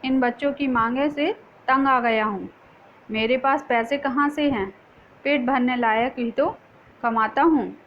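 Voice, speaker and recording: A weary, poor younger brother and father, as a woman reads his lines aloud. He pleads slowly in a high voice. The recording sounds dull and lo-fi. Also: a little hiss or hum.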